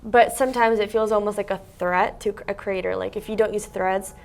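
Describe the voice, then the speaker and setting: A woman's voice: mid-range voice, fairly even intonation, a little fast, gravelly, slight background noise. A young woman from Russia talks casually as an interview guest. Her speech is chatty and loose, full of "like" and "um." She sits at a table in an office meeting room. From Siberia, Russia. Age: young adult. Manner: chatty, lots of "like" fillers. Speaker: guest, content creator.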